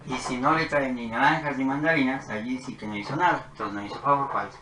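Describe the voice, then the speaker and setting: Bright-voiced man teaching logic, echoey room. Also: mid-range voice, fast talker. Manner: methodical, talks while writing tables. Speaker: math teacher. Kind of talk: whiteboard logic lesson. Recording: echoey room with faint noise.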